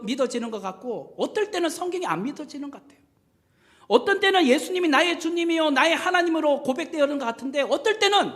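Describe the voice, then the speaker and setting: A male pastor delivering a sermon in a church, his voice sitting high and swinging widely in pitch. He preaches in a gentle, conversational way, asking the congregation questions. He acts out quoted lines, dropping to a hush or rising to a loud cry. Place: church sanctuary.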